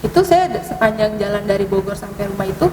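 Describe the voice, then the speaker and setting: A woman telling ghost stories in casual conversation, hesitant, with many fillers and sudden rises in pitch. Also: expressive, fast, warm tone. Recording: distant mic, echoey hall, noisy.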